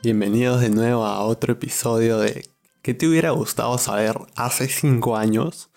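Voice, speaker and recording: A man's voice: medium pitch, steady tone, normal speed, gravelly, a little mellow, soft background music. A man in his twenties with a Peruvian Spanish accent, hosting a podcast in casual, chatty talk and laughing easily. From Peru. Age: 20s. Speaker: podcast host.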